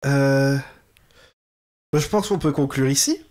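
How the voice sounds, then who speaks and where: A man's voice: mid-range voice, slow, darkish tone. A man co-hosting a casual podcast, chatting, laughing often and closing the episode. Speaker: podcast co-host.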